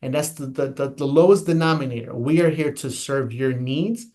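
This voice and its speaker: Speaking at a normal speed in a medium-pitched, slightly mellow voice, an American man explains voting procedures as a guest elections official in an interview. He comes across as earnest and emphatic, with lots of repeated and restarted phrases.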